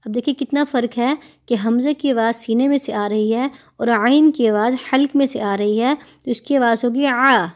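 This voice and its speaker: Pakistani woman teaching slow Quran recitation. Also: on the high side. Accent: Pakistani Urdu. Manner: patient, explains letter sounds and demonstrates them. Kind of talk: tajweed lesson with slow recitation.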